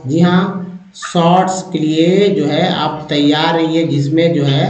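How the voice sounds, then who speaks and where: A man teaching English reading in a lesson, sounding out words slowly one by one and repeating them while coaxing his viewers along. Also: a little high, a little mellow. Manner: reads English slowly word by word, spelling out sounds. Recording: echoey lo-fi room recording.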